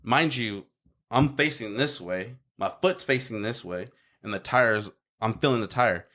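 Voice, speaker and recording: A man's voice: medium pitch, unhurried, a bit bright. A young man co-hosting a podcast, telling a story vividly and acting out his family's voices. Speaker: podcast co-host. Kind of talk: casual chat.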